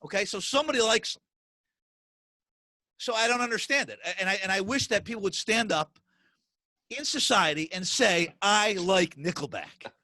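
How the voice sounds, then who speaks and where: A man's voice: sits high, expressive, moderate pace, long pauses, sharp tone, dry recording. A middle-aged man hosting a podcast, chatting casually and animatedly, with lots of restarts and repeated words. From US Northeast. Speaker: podcast host. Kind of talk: casual interview chat.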